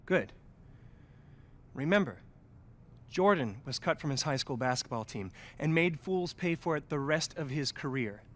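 An actor playing a slick, persuasive young sports agent in a video game cutscene. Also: male voice, fairly high pitch, expressive, a bit bright. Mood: earnest, motivating. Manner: fast-talking, pep-talk persuasion.

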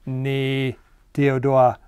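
A man voicing a flock of gossipy farmyard hens in a storybook reading, shrill and startled. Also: monotone, extremely slow, a little mellow, smooth, no room sound. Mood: clucking.

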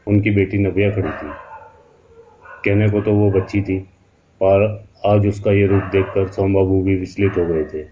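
Deep-voiced man narrating a horror story. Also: lo-fi sound, slight background noise.

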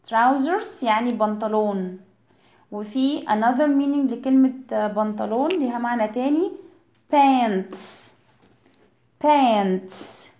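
A woman with an Egyptian accent teaching English words to children, saying each word slowly and repeating it for pronunciation. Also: a little high, a little mellow, reverberant. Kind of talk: slow vocabulary lesson for children.

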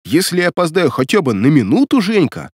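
A man's voice: a little high, big pitch swings, brisk, slightly rough, dry recording, clean studio sound, pitched above the performer's own voice. A man reading a smitten, lovestruck womanizer who talks eagerly and pleads insistently in an audiobook. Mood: warm.

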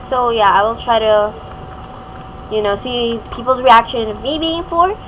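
A woman's voice: on the high side, measured pace, fairly bright tone, a little hiss or hum, poor audio. A young woman hosting a gaming channel, giving casual, playful gameplay commentary and laughing often.

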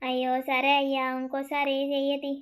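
A woman voicing a soft-hearted elderly village grandmother, speaking apologetically. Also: sits high, monotone, normal speed. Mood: apologetic. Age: older. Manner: apologetic, pleading. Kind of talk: cartoon voice acting.

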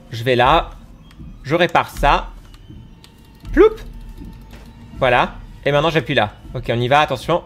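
A high-pitched man doing gaming commentary, his voice swooping all over as he yelps and teases the monster. He speaks at an unhurried pace, with faint music playing behind him. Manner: excitable, yelps and shouts when scared; teasing, talks to the monster. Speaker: gaming YouTuber. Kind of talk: let's play commentary.

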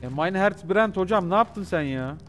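Faint music plays behind this male streamer as he comments live on a horror game. His voice sits high and he talks at a moderate pace. He's excitable and jokey, swears without restraint and keeps talking to his chat.

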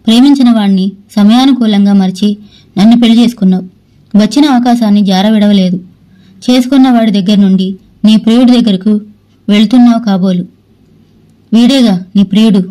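Brooding young husband, sarcastic, then pleading softly, mellow voice, a woman reading his lines. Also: mid-range voice, brisk, pauses often, lightly acted, low-quality recording. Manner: sarcastic, later gentle and pleading.

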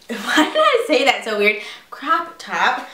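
A woman's voice: high-pitched, wildly swooping pitch, slow, pushed and bright, reverberant. A young woman in her teens chatting casually in a haul video, bubbly and self-teasing. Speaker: vlogger.

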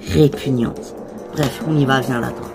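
A woman with a low voice and an unhurried pace performs every part in a homemade toy-figure drama herself. She jumps from one character voice to the next and lets out sudden shouted cries for help. Music plays steadily under her voice. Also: fairly even intonation. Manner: switches quickly between many character voices, bursts into shouted cries for help. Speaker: voice actor of a toy-figure series.

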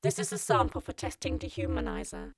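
Short, deliberate statements from a scripted test sample are read by a woman whose voice has been processed with a robotic vocoder or ring modulator effect.

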